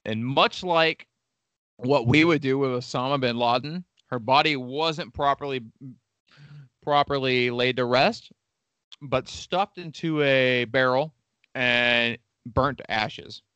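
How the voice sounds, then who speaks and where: A man with a mid-range, slightly bright, smooth voice speaks slowly as he hosts a casual history podcast. He tells the story crudely, cracking jokes and swearing often. The recording is dry, with the highs cut off.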